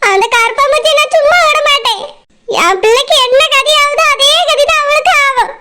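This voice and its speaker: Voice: very high-pitched, brisk. A voice actor playing a tearful, worried middle-aged village mother with a Tirunelveli Tamil accent in a cartoon. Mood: fretful. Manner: weepy, pleading. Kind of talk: cartoon dialogue. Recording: loud background noise.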